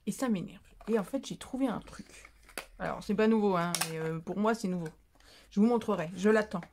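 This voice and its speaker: A woman's voice: mid-range voice, fairly quick, background noise. A woman chatting casually in a craft haul vlog, rambling with fillers and making fun of herself. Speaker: craft vlogger.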